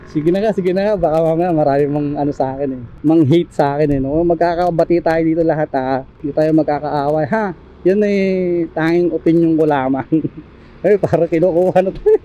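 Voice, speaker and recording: A Filipino delivery rider with a warm, fairly high voice speaks at a moderate pace as he casually vlogs from the streets. He is chatty and laughs a lot, tags his sentences with small questions, and slips in apologetic jokes.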